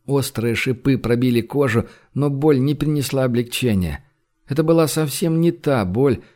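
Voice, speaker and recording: A man reading an audiobook novel with measured, even narration. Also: mid-range voice. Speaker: audiobook reader. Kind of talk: scripted narration.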